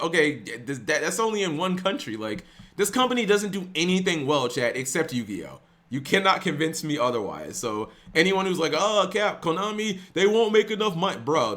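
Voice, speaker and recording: A man's voice: fairly high pitch, a bit bright. A young man streaming, ranting casually to his live chat with lots of restarts and some swearing.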